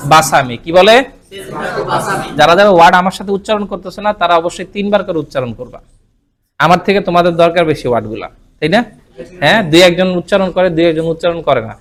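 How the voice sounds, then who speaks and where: A man from Bangladesh teaching Japanese vocabulary in a live online class, asking questions and repeating words for students to say. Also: high voice. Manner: colloquial Bangla mixed with English words.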